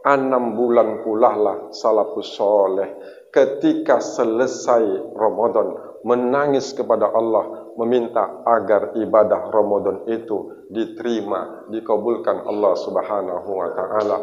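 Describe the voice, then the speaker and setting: A man's voice: lowish voice, fairly even intonation, unhurried, darkish tone. A male preacher giving a folksy Ramadan sermon, asking his congregation questions, over a microphone in a large mosque hall. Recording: dull echoey mosque hall sound.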